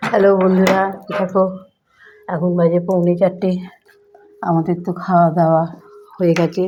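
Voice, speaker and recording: This grandmother, middle-aged or older, vlogs her daily home life in a lowish, flat voice at normal speed. She's chatty and addresses viewers as friends. The handheld audio sounds dull and slightly noisy.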